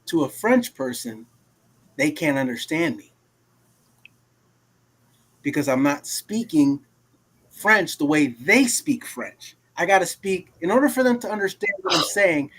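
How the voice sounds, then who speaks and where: On a live talk show, a Creole-speaking male co-host shares a story from his own life in a casual, animated, emphatic way, frequently saying things twice. His pitch is fairly high.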